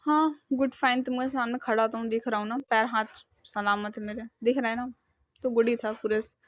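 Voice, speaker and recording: A woman reading as a short-tempered older brother, curt and exasperated. The sound is close and dry, a little high. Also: fairly even intonation, fairly quick, no echo, natural voice.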